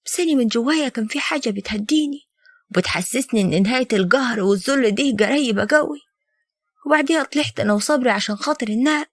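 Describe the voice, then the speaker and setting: A woman with an Upper Egyptian accent telling a dramatic story in the first person, sounding meek and pleading in dialogue and brisk in narration. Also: a little high, no room sound, studio quality. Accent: Upper Egyptian Arabic.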